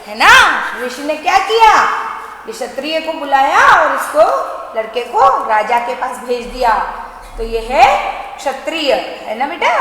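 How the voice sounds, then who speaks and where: A woman teaching young children an online alphabet lesson, speaking slowly, repeating words and checking in with the class. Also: high voice, sharp tone. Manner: slow and repetitive, asking questions and checking with the children. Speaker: nursery teacher. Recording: echoey, reverberant room.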